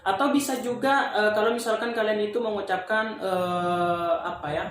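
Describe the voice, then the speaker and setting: A young man from Indonesia giving a casual English lesson, talking through examples slowly with many fillers. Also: high voice, fairly even intonation, a bit bright, faint music behind. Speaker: English teacher. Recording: very echoey room, faint background noise.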